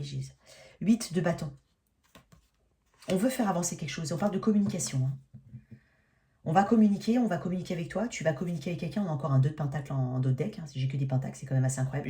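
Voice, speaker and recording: A woman, a tarot reader, speaks with a fairly low voice. Her tone is mellow and dark. She talks in a casual, halting way, restarting phrases and tagging them with "hein" as she reads the cards. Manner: hesitant, many restarts and tag "hein". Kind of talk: casual tarot reading to camera.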